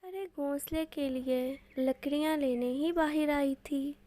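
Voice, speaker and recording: A woman voicing a gentle, caring female sparrow in a cartoon story. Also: high-pitched, slow pace. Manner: calm, caring.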